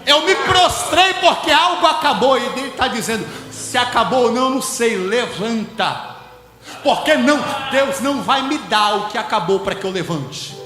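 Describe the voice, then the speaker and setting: A Brazilian pastor with a very high voice delivers an impassioned sermon, swinging between shouted climaxes and hushed passages. He is heard in a roomy church hall with a long echo. Soft music plays behind him. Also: lively intonation, normal speed. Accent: Brazilian Portuguese. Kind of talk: preaching sermon.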